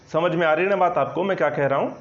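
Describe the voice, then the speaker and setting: A male Hindi grammar teacher giving an online exam-prep lesson, explaining patiently and checking often that students follow. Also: on the high side. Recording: slightly dull lo-fi sound.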